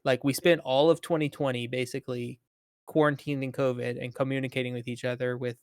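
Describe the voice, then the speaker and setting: A man's voice: mid-range voice, flat delivery, brisk, no echo, studio quality. Rambling casual man podcaster. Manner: rambling, filler-heavy, swears casually. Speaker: podcast co-host. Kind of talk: casual chat.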